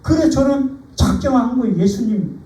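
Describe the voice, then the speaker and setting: Lively, mellow-voiced man preaching. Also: extremely high pitch, moderate pace. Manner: conversational storytelling, animated. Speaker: pastor. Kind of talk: sermon with personal testimony. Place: church sanctuary. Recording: echoey church hall, mic at a distance.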